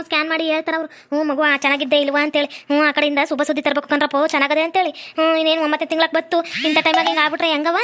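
A fussing middle-aged village mother, played by a woman in a comedy skit, talking fast. Her voice is high and fairly level. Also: fairly bright tone. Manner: chatty, fussing, quick-talking.

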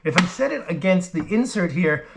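In a wooden-walled indoor boat shop, a middle-aged shipwright narrates a woodworking how-to, thinking aloud as he methodically explains the job. His high voice is expressive and creaky at a moderate pace, with slight background noise.

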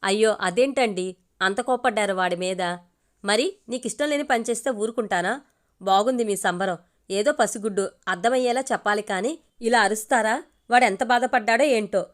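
A woman's voice: mid-range voice, normal speed, close to an everyday voice. A woman reading the part of a doting middle-aged mother who scolds her husband and son. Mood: fretting. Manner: scolding, complaining.

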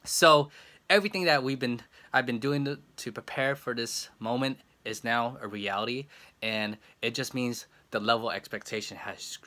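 An excited man talks in a vlog, breathless and trembling, tripping over his words and repeating them. His voice sits at a middling pitch with a bright, forceful edge. He sounds like he can barely hold himself together. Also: normal speed. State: shaking with excitement. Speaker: vlogger.

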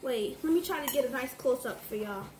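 A woman's voice: high-pitched, animated, brisk. A teasing, giggly young woman chatting casually in a home kitchen. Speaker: cooking vlog co-host. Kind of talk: casual chat. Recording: echoey kitchen with noise.

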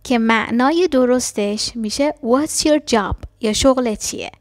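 Woman, high voice, dry close sound, language teacher, quick explanations, slow careful repeats. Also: no room sound. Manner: switches between fast explanations and slow, careful repetitions. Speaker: English teacher. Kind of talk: language lesson, repeating phrases slowly.

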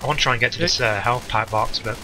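A man bantering excitedly and swearing freely while playing a co-op game. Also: mid-range voice, fast talker, soft background music. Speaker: gamer playing co-op. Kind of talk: casual let's-play chat.

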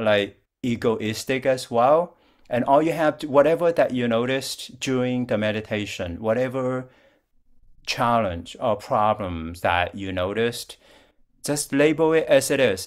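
An older Vietnamese man who is a Buddhist monk gives a calm dharma talk over a video call, answering questions. His mid-range voice moves slowly and patiently, with frequent restarts, and he speaks from a plain-walled room at home.

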